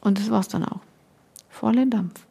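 A woman's voice: mid-range voice, normal speed, creaky, dark tone, breathy edge. A middle-aged woman, a podcast guest, earnestly telling a personal story in casual conversation, emotional and full of restarts.

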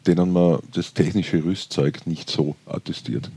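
A man's voice: low voice, creaky, breathy edge. A man from Styria with an Austrian accent, hosting a casual sports podcast with joking asides. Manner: joking, quick asides, animated. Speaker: podcast host.

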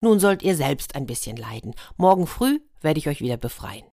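A woman's voice: deep voice, big pitch swings, normal speed, mellow, no room sound, clean studio sound. A woman voicing a clever, determined young shepherd boy in a fairy tale, speaking firmly.

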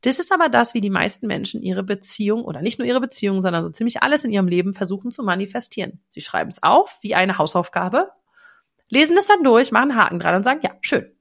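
A woman's voice: mid-range voice, expressive, fast talker, creaky, fairly bright tone. A woman hosting a podcast, coaching the listener directly in a casual, enthusiastic, slang-filled way. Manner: enthusiastic and slangy, with lots of exclamations. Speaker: podcast host and manifestation coach.

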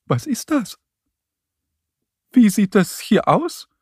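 A man's voice: mid-range voice, expressive, slow pace, dark tone, breathy edge, dry recording, studio quality, full character voice. A man voicing a timid little blind mole in a children's audio story, whiny and fretful. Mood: anxious.

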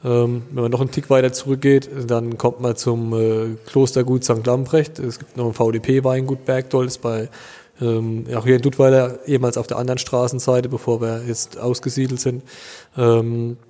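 A man in his thirties from Germany, a winemaker answering interview questions in a relaxed, hesitant way with many fillers. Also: mid-range voice, normal speed, big-room sound. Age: 30s.

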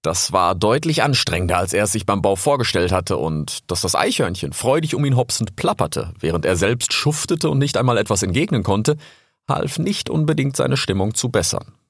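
A man calmly narrating a storybook aloud. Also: lowish voice, fairly quick, hardly any pauses, slightly rough, dry recording, studio quality. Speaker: audiobook narrator.

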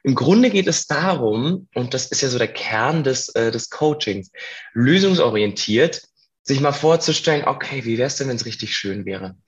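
A man, a coach and stage performer, explaining step by step in a relaxed podcast conversation. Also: medium pitch, moderate pace, dull audio. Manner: thoughtful, explains step by step with filler words. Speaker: coach and musical performer, guest.

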